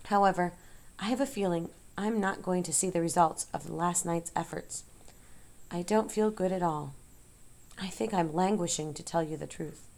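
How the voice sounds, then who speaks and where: Woman doing a tired wise spider lady, soft and slow, gravelly edge, storybook reading. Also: lowish voice. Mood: sad. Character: female spider, wise, weak and fading. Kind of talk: audiobook character voice.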